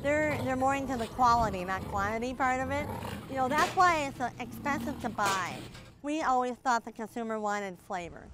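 A woman's voice: high voice, expressive, normal speed, music in the background. A middle-aged woman farmer from Minnesota, chatting easily while giving an outdoor farm tour, with lots of "you know" fillers. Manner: easygoing, folksy, many "you know" fillers. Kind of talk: casual farm tour interview.

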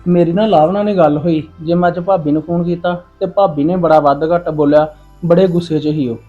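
A man's voice: fairly high pitch, steady tone, brisk, warm tone, dull audio, soft background music. Pleading Punjabi man in a family drama. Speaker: visiting relative.

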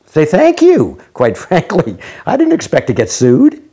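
A man's voice: a little high, wildly swooping pitch, measured pace, dark tone. A man, the landowner, giving a blunt, dismissive interview, chuckling at times.

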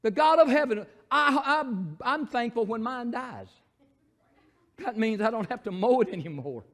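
Man, Southern accent, pastor, sermon, high voice, bright tone, shouts then mutters. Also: animated, normal speed. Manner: preaching, swings from shouted proclamation to low asides. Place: church sanctuary.

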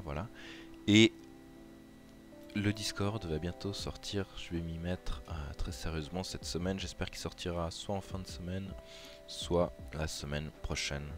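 A man with a very low voice talks through a game tutorial in a casual, rambling way, full of hesitations and restarts. Faint music plays underneath his voice. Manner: chatty and hesitant, many fillers and restarts. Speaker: gaming YouTuber. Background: background music.

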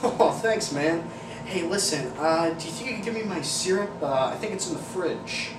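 A man's voice: on the high side, lively intonation, normal speed, background noise. A young man hosting a homemade comedy sketch, talking casually in a faux-naive way. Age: young adult. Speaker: sketch host. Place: living room couch, indoors. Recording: roomy apartment sound.

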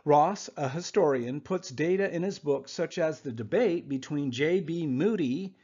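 A man's voice: fairly high pitch, a little slow, darkish tone. A man giving a conversational Bible lesson over slides, often checking in with "okay?" asides. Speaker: Bible teacher. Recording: muffled lo-fi voice recording.

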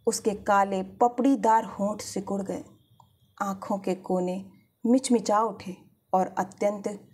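A woman reading a literary short story aloud in a measured, expressive way. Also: medium pitch, breathy edge.

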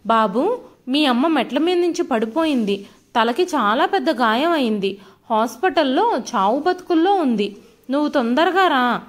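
A woman's voice: high-pitched, lively intonation, normal speed. A woman voicing a tearful elderly father from a village who begs his son for help. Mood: pleading. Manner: tearful, begging.

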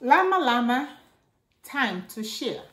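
Slow and full of expression, a middle-aged storytime reader shares a children's picture book aloud, her voice leaping for exclamations and a toy's voice. The setting is an indoor living room next to a staircase with echoey acoustics.

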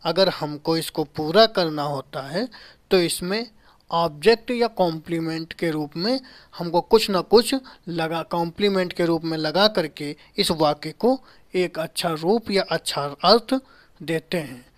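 Standing at a whiteboard in a small room, a thirty-something man gives a grammar lesson. He goes slowly, says the key terms again and again, and poses rhetorical questions only to answer them himself, all in a voice on the high side.

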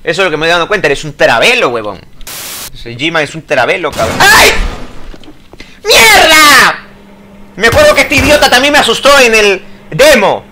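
A man doing loud let's-play commentary, swearing, yelping and ranting at the game. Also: high-pitched, very animated, quick pace, a little hiss or hum. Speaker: gaming YouTuber.

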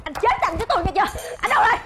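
A woman's voice: extremely high pitch, big pitch swings, very fast, roomy sound, music in the background. An actress playing a bossy young wife who scolds and interrogates her husband in a sitcom. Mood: scolding. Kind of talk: sitcom acting.

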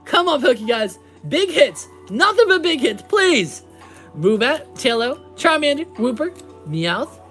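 A woman's voice: on the high side, a bit bright. A woman in her twenties streaming live, upbeat, reading out card names and answering chat as she opens packs. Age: 20s. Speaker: card-opening livestreamer. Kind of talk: live card-pack opening. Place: indoors at a table with a playmat.

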